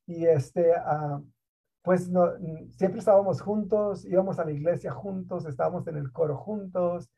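High, gravelly man from Mexico. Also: unhurried. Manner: animated, emphatic storyteller who mixes in English words. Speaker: guest, school district program director. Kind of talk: conversational interview storytelling. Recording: dull lo-fi online call audio.

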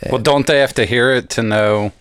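A man's voice: medium pitch, steady tone, normal speed, fairly bright tone, clear, resonant tone, no room sound. A man chatting casually as a guest on a podcast. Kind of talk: casual chat.

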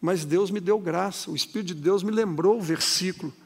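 A man's voice: high voice, brisk. A man, preaching a sermon and telling a story in a dramatic, swooping way, heard in a long reverberant hall. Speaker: pastor.

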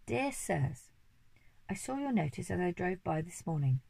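A woman's voice: lowish voice, big pitch swings, normal speed, gravelly, warm tone, husky, dry recording, full character voice. A woman voicing a stiff, formal male chauffeur in a storybook reading, solemn and proper. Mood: reading formally.

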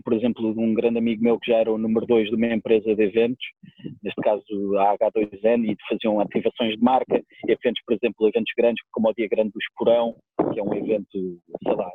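A man's voice: fairly low pitch, slightly rough, dry recording. A man with a European Portuguese accent answering as an interview guest, casual, colloquial and wordy, over a tinny phone-like line. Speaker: guest, musician and DJ.

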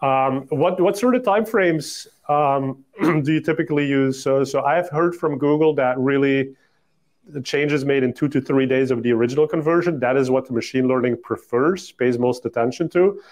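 A man hosting a casual podcast interview, asking curious questions quickly with plenty of fillers. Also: medium pitch, darkish tone. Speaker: podcast host.

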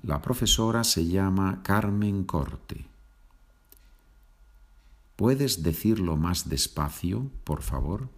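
A man teaching a podcast language lesson, repeating phrases slowly for learners. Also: deep voice, animated. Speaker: Spanish teacher.

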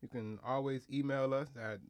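A man's voice: mid-range voice, fairly even intonation, normal speed. A young man co-hosting a podcast, talking in loose, profane, slangy banter. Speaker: podcast co-host. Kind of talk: casual chat.

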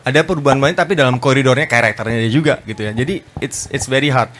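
A man speaking to an audience at a book talk, lively and chatty, acting out quoted voices and often addressing listeners politely. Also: medium pitch, slight background noise. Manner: animated, fast, acts out quoted voices, often adds "Pak". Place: bookstore event space.

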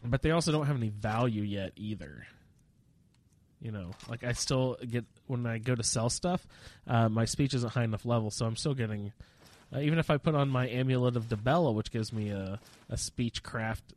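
With a medium-pitched, darkish voice at a moderate pace, this gamer talks through his own playthrough. The commentary is loose and rambling, full of self-deprecating jokes, and he sniffles now and then because of a mild cold.

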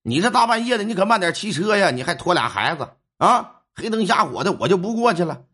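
A man voicing an old grandfather giving caring, hurried advice. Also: sits high, big pitch swings, sharp tone, husky, heavily acted. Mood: concerned. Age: older. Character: old paternal grandfather, concerned, practical.

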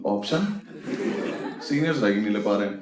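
A young adult man doing stand-up storytelling, animated and laughing through his own story. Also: lowish voice, fairly quick. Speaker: stand-up comedian. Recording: echoey room, loud clicking noise.

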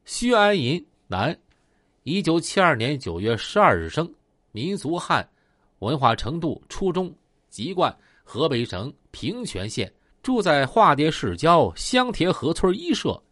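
A man narrating a crime story aloud, animated and stretching his words with drawn-out filler particles. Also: fairly high pitch, no room sound, clean studio sound.

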